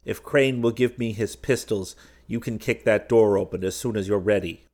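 A man's voice: on the low side, normal speed, darkish tone, natural voice. A man voicing a commanding alien warrior prince who gives urgent orders.

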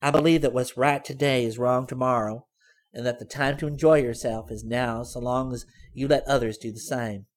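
A man's voice: mid-range voice, fairly even intonation, normal speed, pitched above the performer's own voice, close to an everyday voice. A man reading a story voices a prying, persistent middle-aged landlady with a wheedling, badgering manner. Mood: coaxing.

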